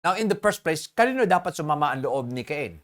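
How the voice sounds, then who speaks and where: Church preacher mid-sermon, bouncy up and down voice, keeps asking the crowd stuff, slows way down on the verses. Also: mid-range voice, sing-song, a bit bright. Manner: asks the congregation rhetorical questions; mixes English phrases into Tagalog.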